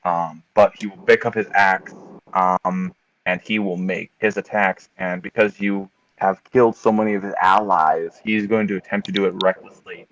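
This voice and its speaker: A man with a fairly low voice narrates a tabletop fight as game master, lingering on gory blows and dice results. He talks in a measured, descriptive way and fills pauses with ums. A faint hiss sits under the voice. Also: steady tone, a bit bright, dull audio. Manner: vivid, unhurried combat description with frequent ums.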